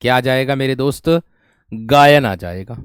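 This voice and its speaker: A man's voice: mid-range voice, normal speed, clean tone, no echo, studio quality. A man teaching grammar in an online exam-prep class, explaining step by step and repeating each question to his students.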